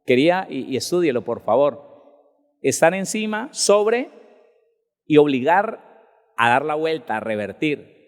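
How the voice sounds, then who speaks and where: A man's voice: a little slow, pauses often, in a large hall. A male pastor giving a conversational sermon at a Bible seminar, asking the congregation questions and acting out people's excuses. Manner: lively, rises in pitch and loudness for emphasis.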